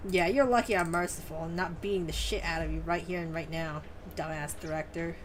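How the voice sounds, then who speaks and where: A woman's voice: on the low side, steady tone, a little fast, a little hiss or hum. A young woman streamer giving casual game commentary in a teasing, foul-mouthed, slangy way.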